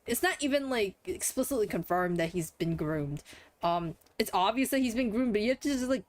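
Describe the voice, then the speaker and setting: A young woman casually commenting while streaming a game, chatty and full of fillers, laughing and swearing. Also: medium pitch.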